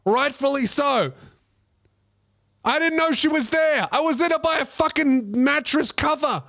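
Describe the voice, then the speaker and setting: Man, high-pitched, bright tense voice, profane self-mocking comedy storytelling. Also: measured pace, gravelly. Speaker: comedian host.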